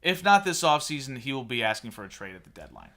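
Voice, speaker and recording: A man's voice: mid-range voice, very animated, fast, fairly bright tone. A man in his thirties hosting a casual sports podcast, opinionated and sarcastic as he rants. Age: 30s. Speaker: podcast host.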